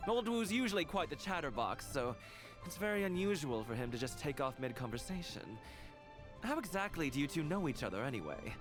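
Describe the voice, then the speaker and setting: A smooth-talking game merchant, high in pitch and very animated. He sounds theatrical and self-justifying, like a salesman defending his trade, with music behind him. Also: a little fast. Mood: curious. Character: slick male jade merchant, indignant and smooth-talking. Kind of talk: video game voice acting.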